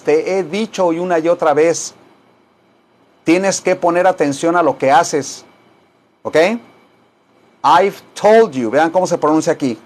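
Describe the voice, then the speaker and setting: Slow-talking older Mexican man teaching. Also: a little high. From Guanajuato, Mexico. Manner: chatty, joking, repeats phrases slowly, asks "¿ok?". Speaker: English teacher. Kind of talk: casual English lesson for Spanish speakers.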